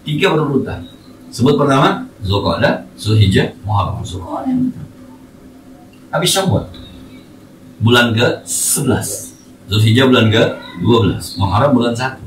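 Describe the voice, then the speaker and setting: Preacher in an echoey mosque. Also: male voice, medium pitch, normal speed, long pauses, far from the mic, a little hiss or hum. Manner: lively, teasing, colloquial with Arabic quotes. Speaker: religious teacher. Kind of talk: mosque study lecture. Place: mosque hall.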